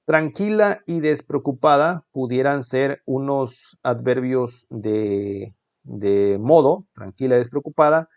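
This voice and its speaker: A man's voice: medium pitch, expressive, takes it slowly, vocal fry, darkish tone, lo-fi sound. A male teacher, walking students through exam answers in a conversational way that keeps checking in with them.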